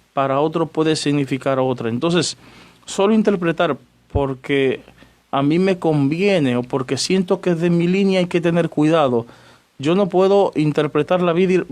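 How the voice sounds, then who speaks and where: Chatty priest on radio. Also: male voice, fairly high pitch, darkish tone. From Dominican Republic. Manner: chatty, greets listeners by name between points. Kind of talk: radio teaching on church doctrine.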